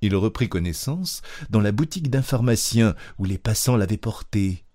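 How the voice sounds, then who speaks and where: A man narrating a classic story aloud in a measured, expressive reading. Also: lowish voice. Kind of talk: literary reading.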